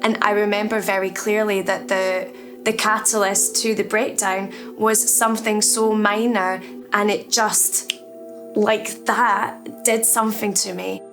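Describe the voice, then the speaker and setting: A woman's voice: medium pitch, level tone, unhurried, over music. Candid Scottish woman in her thirties. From Scotland, Edinburgh. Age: 30s. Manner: reflective, candid, softly spoken. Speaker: artist. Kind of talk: documentary interview.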